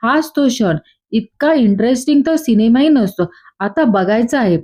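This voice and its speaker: A woman's voice: fairly high pitch, animated, moderate pace, warm tone. A woman voicing a scheming woman who needles and stirs family trouble. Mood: sly. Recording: dull lo-fi.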